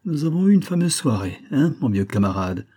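A man's voice: medium pitch, very animated, a little fast, warm tone, pitched above the performer's own voice. A man voicing a drunk, boastful young baronet with a thick, slurred voice. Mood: jovial. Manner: slurred, swaggering.

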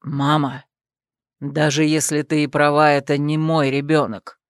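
Audiobook: woman reads a fed-up young son, low and pleading, dry mic. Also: little pitch movement, unhurried, dry recording. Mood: exasperated. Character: young man, exasperated son.

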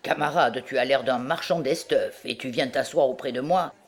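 A woman's voice: extremely low pitch, normal speed. A woman voicing a rowdy, boastful drunken young male student in an audiobook, exclaiming and laughing. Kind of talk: audiobook character reading.

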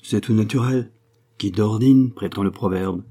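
A man's voice: on the low side, a little slow, dark tone, slightly rough. A man reading the part of a sardonic, teasing journalist who mocks his hosts. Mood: mocking. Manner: scornful, teasing. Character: mocking sardonic male journalist, middle-aged man.

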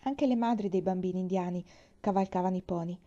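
A woman reading a children's novel aloud at a slow, expressive pace. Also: on the low side, muffled recording. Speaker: reader. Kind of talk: audiobook narration.

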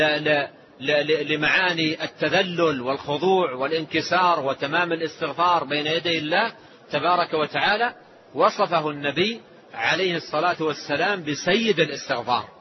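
A man with a notably high voice teaches a religious text in a measured, explanatory way, often saying a phrase twice to drive it home. The recording is dull and lo-fi, with a faint hiss underneath. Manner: measured, repeats and restates phrases. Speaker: religious scholar teaching a book.

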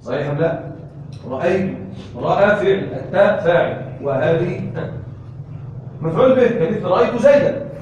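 A man teaching Arabic grammar to a class. He keeps asking whether his students follow and repeats key terms slowly. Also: sits high, expressive, darkish tone, lo-fi sound, a little hiss or hum. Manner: checks understanding with frequent questions to the class. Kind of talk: classroom lesson. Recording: echoey room, voice from a distance.

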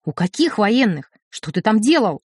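A woman's voice: medium pitch, big pitch swings, normal speed, a little mellow, husky, no room sound. A woman audiobook reader voicing a stern, cold middle-aged mother with a dry, clipped manner. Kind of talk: audiobook character reading.

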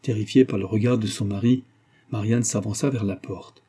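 A man reading a novel aloud as an audiobook narrator, in a measured literary way. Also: lowish voice, fairly even intonation, warm tone, slightly rough. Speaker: audiobook reader. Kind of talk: scripted narration.

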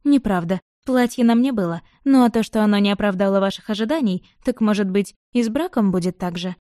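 A woman voicing a mischievous, sharp-tongued young noble bride who speaks in a lively, teasing, mock-dramatic way in an audiobook reading. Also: medium pitch, fairly quick, no room sound, studio quality, lightly acted. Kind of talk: audiobook narration.

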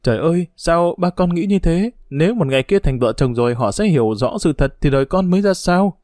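A man's voice: mid-range voice, lively intonation, fairly quick, darkish tone, no echo, clean studio sound, close to an everyday voice. A man voicing an earnest, grieving young woman who pleads with her parents in a read-aloud novel.

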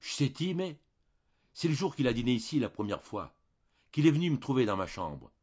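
A man voicing a young peasant maid who sobs and confesses in halting, broken rustic speech. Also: mid-range voice, sing-song, a little mellow, slightly rough, dull audio, pitched above the performer's own voice. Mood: feverish confession.

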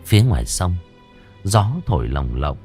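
A man narrating a Vietnamese-style ghost story in a lively, dramatic way. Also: a bass voice, moderate pace. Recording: dry close mic with soft music.

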